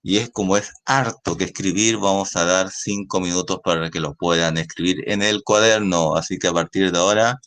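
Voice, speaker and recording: A man's voice: sits low, steady tone, normal speed, hardly any pauses, fairly bright tone. A man teaching a class, explaining patiently and repeating points with checking questions. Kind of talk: classroom lesson.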